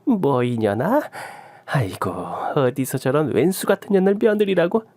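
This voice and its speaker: A woman's voice: low voice, big pitch swings, normal speed, dark tone, no echo. A woman voicing a scolding, abusive older mother-in-law who wails and curses in a radio drama. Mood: furious. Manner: wailing, cursing, theatrical sighs.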